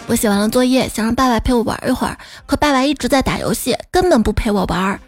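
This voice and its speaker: A woman hosts a comedy segment and reels off jokes in a playful, teasing voice. Her voice sits fairly high. Soft music runs underneath her. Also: lively intonation, quick pace. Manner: playful, teasing, often laughing. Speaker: comedy host. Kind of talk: telling jokes to listeners.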